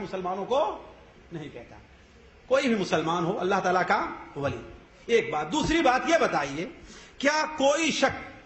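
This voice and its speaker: Male preacher, very high voice, lecture style, asks and answers his own questions; roomy echo. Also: fairly bright tone. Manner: poses rhetorical questions and answers them himself. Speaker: Islamic preacher. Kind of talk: religious lecture. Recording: echoey room.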